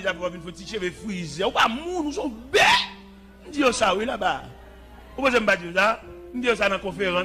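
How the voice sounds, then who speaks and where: A man preaches a sermon in a high, bright, ringing voice. His delivery is impassioned, rising into shouts and brief sung phrases. Faint music plays behind him.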